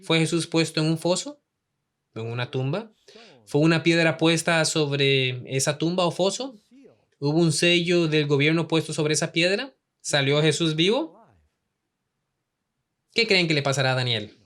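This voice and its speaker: Hombre, maestro bíblico, tono un poco alto, pregunta mucho a los oyentes. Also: male voice, fairly high pitch, unhurried, long pauses, fairly bright tone. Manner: asks the audience many questions. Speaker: Bible teacher. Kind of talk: Bible study lesson in Spanish.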